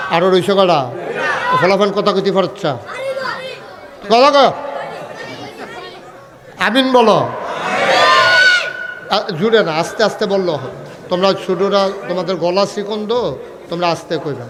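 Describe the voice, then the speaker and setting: A man preaching a waz sermon in colloquial speech, firing questions at the crowd for answers and rising to shouts and chanted lines. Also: sits high. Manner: calls questions to the crowd for replies; lively, rises to shouts, chants some lines. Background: crowd at an open gathering.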